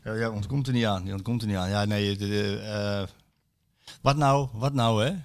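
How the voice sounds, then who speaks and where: A man speaks in a fairly low voice. He chats casually and cuts in with questions and short remarks. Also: steady tone, normal speed. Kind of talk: casual chat.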